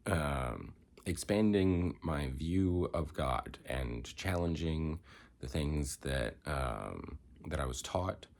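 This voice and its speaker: Young man, extremely deep voice, congested, rambling vlog talk. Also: expressive, slow pace, gravelly, a little mellow. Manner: rambling, frequent "um" fillers, reflective. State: congested, coughing. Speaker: vlogger. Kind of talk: candid personal vlog.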